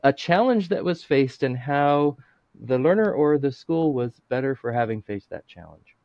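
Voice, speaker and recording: A male podcast host asking questions calmly and reading his show intro, on a dull lo-fi recording. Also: mid-range voice, normal speed, gravelly, dry recording. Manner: calm, brief listening murmurs. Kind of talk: interview and scripted intro.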